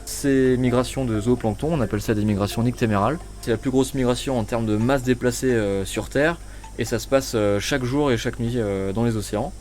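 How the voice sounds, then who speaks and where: Man explaining plankton science, halting. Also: mid-range voice, a little mellow, a little hiss or hum. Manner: hesitant, many fillers, explanatory.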